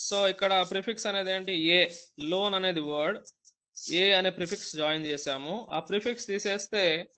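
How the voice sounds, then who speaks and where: A male English teacher, giving a lecture on word stress, saying example words loudly and slowly, then explaining them briskly. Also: high voice.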